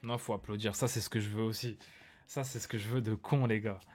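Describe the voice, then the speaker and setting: A man with a fairly low voice reacts to a new track, talking loosely with plenty of fillers and restarts. He gets excited and calls out to his viewers. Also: a little fast, soft background music. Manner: chatty, hesitant with fillers, hypes up viewers. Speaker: reaction video host. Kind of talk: casual reaction commentary.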